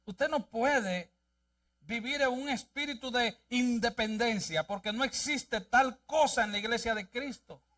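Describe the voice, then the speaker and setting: High-voiced preaching pastor, off-mic. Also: male voice, a little slow, a bit bright, far from the mic. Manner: emphatic preaching, reading scripture aloud. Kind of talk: sermon. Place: church sanctuary.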